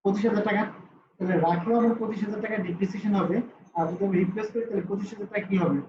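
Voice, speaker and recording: Male teacher, brisk question-and-answer style, roomy online-call sound. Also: high voice, fairly even intonation, dark tone. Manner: quizzes students, answers own questions. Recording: roomy, slightly dull call audio with faint ambience.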